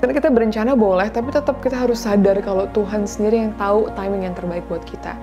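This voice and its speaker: Heard over music in lo-fi sound, a fast-talking woman in her thirties with a steady, mid-range voice shares faith and marriage advice with her viewers. She speaks earnestly and confidingly in a casual, heartfelt style that mixes in English words.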